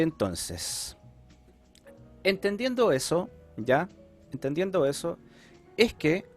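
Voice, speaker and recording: A Chilean man lecturing in an online class, his voice sitting fairly high for a man. He explains step by step and keeps checking in with his students. Soft music plays faintly behind him. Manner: explanatory, checks in often with "¿ya?" and "¿cierto?". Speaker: teacher.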